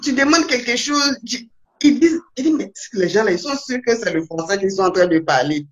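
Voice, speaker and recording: A woman's voice: on the high side, animated, brisk. A woman being interviewed, telling her stories animatedly and restarting often. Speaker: guest, immigrant to Canada. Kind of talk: casual interview. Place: Montreal.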